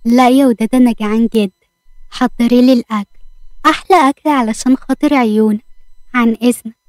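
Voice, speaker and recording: A woman's voice: on the high side, steady tone, quick pace, a little mellow, no room sound, lightly acted. A woman with an Egyptian accent voicing a playful, teasing young husband in a read-aloud romance story.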